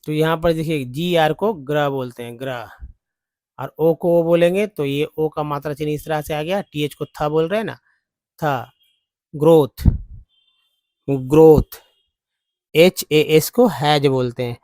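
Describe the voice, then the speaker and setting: A man talks through an English reading lesson, breaking words into letters and repeating them. He speaks very slowly in a slightly high voice. The recording is dry and close. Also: darkish tone, no room sound. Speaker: English teacher. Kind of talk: spelling and pronunciation lesson.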